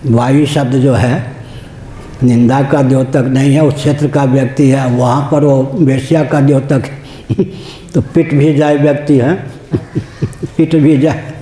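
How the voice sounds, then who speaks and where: A man's voice: medium pitch, steady tone, slow pace, pauses often, warm tone, roomy sound, a little hiss or hum. An older man, a spiritual teacher, giving a religious discourse, explaining with anecdotes and laughing at his own jokes.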